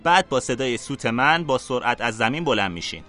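A man voicing a strict, gruff female flying teacher who barks orders, raised high above his own voice. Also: very animated, sharp tone, faint music behind. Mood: bossy.

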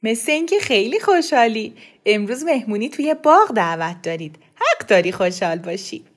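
A woman's voice: a little high, sing-song. A woman voicing an affectionate elderly grandmother figure who praises and teases a little boy cheerfully.

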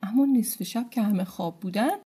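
A woman narrating a folk tale in a gentle, colloquial storytelling manner. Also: mid-range voice, slightly rough.

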